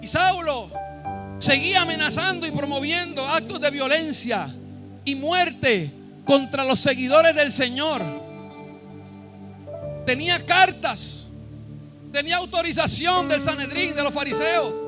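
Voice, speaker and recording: A man's voice: very high-pitched, a little slow, pauses often, over music. A Puerto Rican pastor preaching a sermon in church, emphatic, repeating his points and calling on the congregation to respond. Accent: Puerto Rican Spanish.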